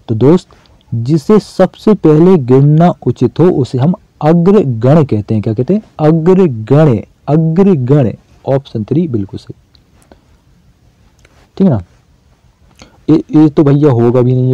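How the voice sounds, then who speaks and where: A man's voice: mid-range voice, dark tone, no echo, highs cut off. A man teaching an exam-prep lesson in a casual, chatty way, asking questions and answering them himself.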